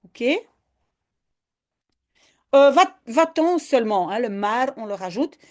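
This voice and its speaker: Slow, patient woman teaching. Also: on the high side, animated. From Belgium. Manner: patient, explaining step by step with frequent "hein". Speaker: Dutch teacher. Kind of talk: online language lesson.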